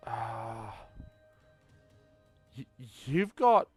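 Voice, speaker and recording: A man's voice: mid-range voice, sing-song, very slow, darkish tone, slightly rough, soft background music. A man narrating as game master, often stumbling and restarting his words. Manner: stammering, frequent restarts.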